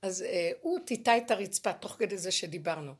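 Woman, spiritual teacher, religious talk, fervent, lively swooping pitch, husky edge. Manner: acts out dialogue, shifting voice for quoted people; fervent, rising to emphatic peaks. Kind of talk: religious talk with personal stories.

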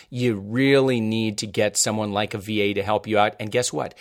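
Male podcast host, chatty and upbeat, rambling, mid pitch. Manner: upbeat, rambling, many fillers. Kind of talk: casual podcast chat with promos.

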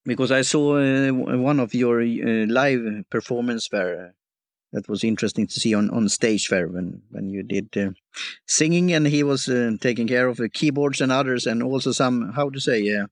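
A man hosting a podcast interview, talking haltingly and often stopping to search for words. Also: medium pitch, dry recording, clean studio sound. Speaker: podcast host. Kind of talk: casual interview.

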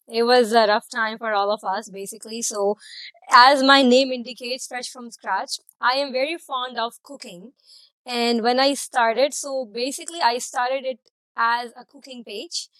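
A woman's voice: fairly high pitch, a bit bright, no echo, low-quality recording. A woman from Karachi, Pakistan, in her thirties, answering casual interview questions as a guest, with many "like" and "um" fillers. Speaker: guest, food blogger.

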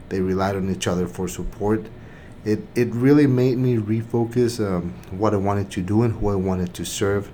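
Low-voiced man hosting, earnest and reflective, from mexico, faint background noise. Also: warm tone. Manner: earnest, reflective, with many fillers and restarts. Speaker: host, center director. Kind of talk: podcast hosting and personal sharing.

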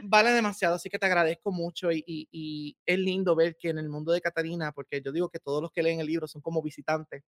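A man, an author being interviewed on a podcast, talking in an animated and emotional way. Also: fairly high pitch, fast talker, few pauses, no room sound, studio quality. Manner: emotional, animated, laughs often. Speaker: author guest.

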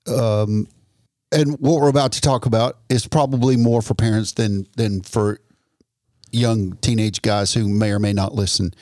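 A man hosting an interview podcast, speaking in a measured, reflective way and affirming his guest. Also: medium pitch, darkish tone, no room sound, clean studio sound. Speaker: podcast host.

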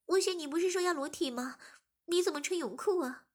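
A woman's voice: very high voice, brisk, pitched above the performer's own voice. A woman voicing a shy young wife who gets flustered and pleads easily.

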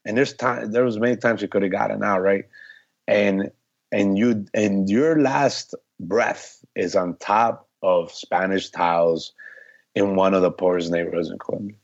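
A man telling stories in casual chat, animated, peppering his talk with "man" and swearing freely. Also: on the low side, a little slow, creaky, highs cut off. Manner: animated storytelling, says "man" often, swears.

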